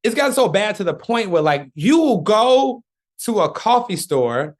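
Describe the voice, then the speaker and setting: A man's voice: high-pitched, sing-song, normal speed. A man co-hosting a podcast, telling stories in a laid-back way and saying "bro" a lot. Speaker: podcast co-host. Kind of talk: casual podcast chat.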